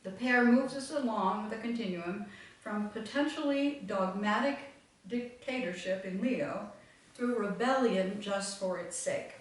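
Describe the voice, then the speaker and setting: In a meeting room before a live audience, a woman leads a full moon meditation group, her mid-range voice a little slow. She reflects aloud in a meandering way, leaning on many fillers, and the recording is echoey, with her far from the mic.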